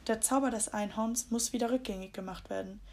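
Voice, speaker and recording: A calm, secretive middle-aged man from a storybook, as a woman reader plays him, speaking in a quiet, solemn way. The voice has a gravelly fry. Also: on the high side, a little fast.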